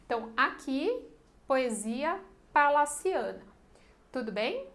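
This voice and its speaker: A woman's voice: sits high, big pitch swings, takes it slowly, a bit bright. A woman teaching an online literature lesson, explaining step by step and often checking in with her students.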